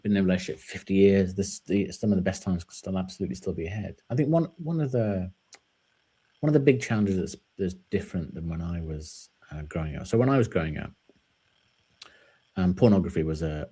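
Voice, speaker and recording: A man's voice: sits low, fairly quick, mellow, breathy edge. A middle-aged man hosting a podcast, asking thoughtful, rambling questions in a casual interview. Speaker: podcast host.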